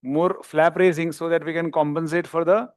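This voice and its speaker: Indian-accented man, higher-pitched, narrating surgery. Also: level tone, normal speed, no echo, clean studio sound. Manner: terse, clipped commands to assistants. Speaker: surgeon demonstrating live surgery. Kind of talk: live procedural commentary and instructions.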